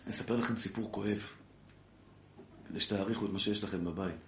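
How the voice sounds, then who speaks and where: A man's voice: lowish voice, steady tone. Male rabbi, impassioned sermon, live audience, echoey room, faint noise. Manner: impassioned, addresses listeners as brother, rising to loud exhortation. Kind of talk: Torah class sermon to an audience.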